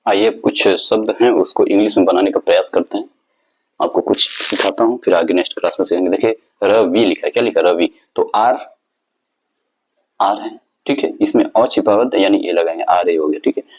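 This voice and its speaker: A man's voice: low voice, fairly quick, slightly rough. A male teacher explaining a lesson step by step, asking the class questions and answering them himself. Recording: slightly dull lo-fi recording.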